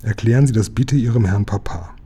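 Man doing a grumbling, deliberate engine driver. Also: fairly low pitch, mellow, husky. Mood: gruff. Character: gruff, calm grown-up engine driver, man.

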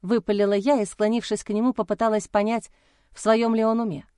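A woman reading a first-person novel aloud in a steady, measured way. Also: medium pitch, clear, resonant tone, no room sound, studio quality. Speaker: audiobook narrator.

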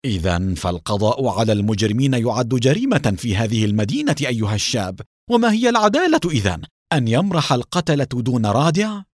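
A man voicing a masked cowboy vigilante in a storybook reading, calm and sarcastic. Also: mid-range voice, fairly quick, no echo, studio quality, natural voice. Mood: angry. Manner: calm, mocking.

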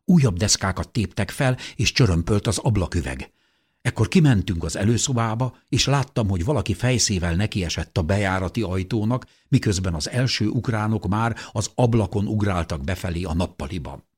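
Husky low-voiced male audiobook narrator. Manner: dramatic, expressive reading. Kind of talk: scripted narration.

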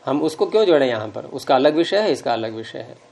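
A man's voice: medium pitch, expressive, fast talker, gravelly, darkish tone. A man with a Hindi accent teaching Sanskrit grammar to a class, patiently explaining and repeating word forms aloud.

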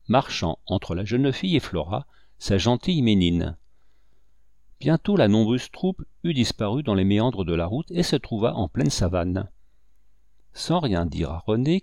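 A man narrating a novel in a steady, measured audiobook reading. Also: fairly low pitch, creaky, no room sound, studio quality.

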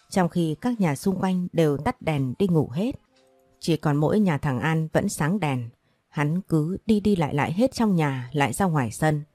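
Low, dark-voiced woman storyteller. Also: no room sound. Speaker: narrator. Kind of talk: storytelling narration.

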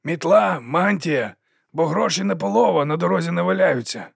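Sly ancient sweeper monk, mocking and chiding, voiced higher by a male reader. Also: normal speed, creaky, slightly rough, no room sound, studio quality, heavily acted. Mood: sly teasing. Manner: teasing, chiding, lively.

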